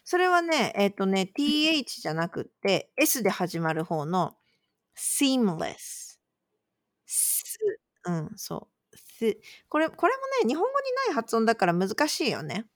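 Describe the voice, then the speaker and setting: Lively-voiced woman explaining words on a podcast. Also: medium pitch, normal speed, no echo, clean studio sound. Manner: patient, explanatory, conversational. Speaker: podcast co-host posing quiz words. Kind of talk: casual podcast chat.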